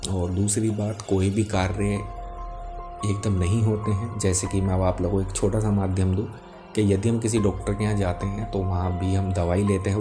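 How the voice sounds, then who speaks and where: A man speaking as a spiritual teacher, explaining devotional matters to viewers in a calm, gentle and patient way. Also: lowish voice. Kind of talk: spoken religious explainer to viewers. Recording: music behind the voice. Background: music.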